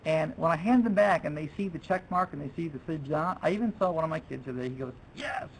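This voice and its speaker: A man's voice: a little high, fast, creaky, slight background noise, poor audio. A man presenting a teaching workshop to fellow teachers in a chatty way, restarting his sentences and dropping in French phrases.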